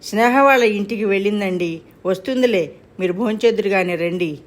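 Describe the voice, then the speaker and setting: A woman's voice: medium pitch, a little fast, natural voice. A woman voicing an anxious middle-aged mother who frets and exclaims in a storybook reading. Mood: fussing. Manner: fretful, exclaiming.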